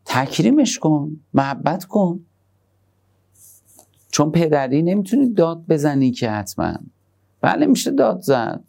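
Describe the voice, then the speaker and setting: A man giving a conversational sermon on parenting, moving between soft, tender asides and emphatic points. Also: on the high side, big pitch swings, vocal fry, long pauses. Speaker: religious speaker.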